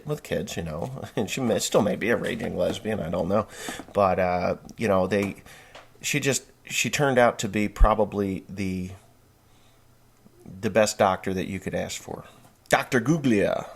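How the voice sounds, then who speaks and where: With a deep, creaky voice, a forty-something podcast host from New Jersey rambles on in a monologue. He's blunt and folksy, constantly using fillers and restarting.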